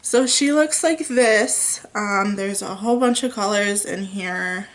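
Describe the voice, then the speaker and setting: A young woman talks through a makeup tutorial at home. Her pace is slow and easy, and her delivery is chatty, full of ums and small asides. Her pitch sits in an ordinary middle range. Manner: chatty and unhurried, with frequent ums. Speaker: beauty vlogger. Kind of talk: casual makeup tutorial chat.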